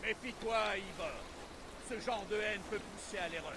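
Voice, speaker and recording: A man's voice: high voice, normal speed, noisy background, lightly acted. A man playing a stern Viking warrior. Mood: warning. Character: grim Viking man warning a comrade.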